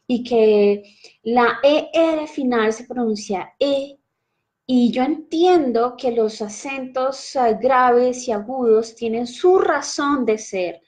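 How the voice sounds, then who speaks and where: A woman, teaching French pronunciation in a casual, direct monologue and often checking in with the viewer. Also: on the high side. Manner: lively, direct, addresses viewer with frequent check-ins.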